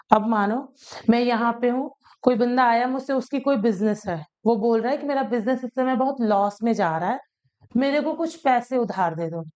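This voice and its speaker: A woman teacher walks through accounting terms in a relaxed, repetitive way, acting out little shopkeeper scenes as she goes. Her voice sits a little high. The recording sounds slightly dull and lo-fi. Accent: Hindi-English mix. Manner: repeats key points, acts out shop examples. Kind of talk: casual explanatory lesson.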